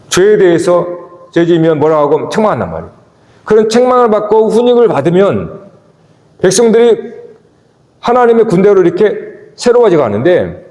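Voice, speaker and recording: A man preaching a sermon as pastor of a church, asking the congregation questions and swinging between emphatic peaks and low, quiet stretches. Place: church sanctuary. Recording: echoey church hall with long reverb.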